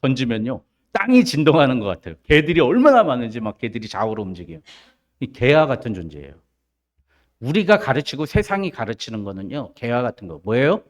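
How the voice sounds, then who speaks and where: A man's voice: mid-range voice, very animated, a little fast. A man with a Jeolla accent preaching a sermon as pastor, emphatic and full of rhetorical questions. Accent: Jeolla Korean. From South Jeolla, Korea.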